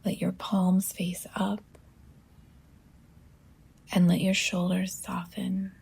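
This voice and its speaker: Leaving long pauses between phrases, a yoga teacher softly guides listeners through a relaxation meditation. She speaks in a hushed, breathy near-whisper at medium pitch, with little pitch movement.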